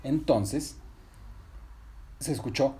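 A woman telling a children's story in an animated way, switching into voices for the characters. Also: very deep voice, very slow, music in the background.

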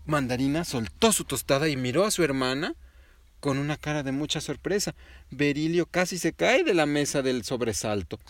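A man telling a child an improvised bedtime story, gently and animatedly addressing the listener. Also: a little high, animated, normal speed, no room sound.

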